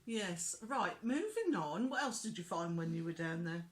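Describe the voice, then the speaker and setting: A woman's voice: fairly low pitch, big pitch swings, normal speed. A woman chatting casually as a vlog co-host. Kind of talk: casual chat.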